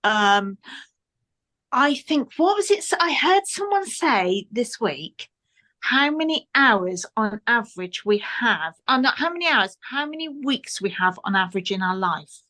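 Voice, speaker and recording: A woman's voice: fairly high pitch, sing-song, measured pace, sharp tone. A woman guest on a podcast interview, giving earnest motivational advice and repeating points for emphasis.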